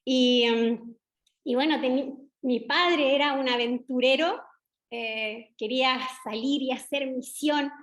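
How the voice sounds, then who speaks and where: A middle-aged woman with a Chilean accent, a doctor speaking as guest in an interview, measured and reflective with pauses. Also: high voice, steady tone. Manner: measured, reflective, frequent hesitations. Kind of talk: conversational interview.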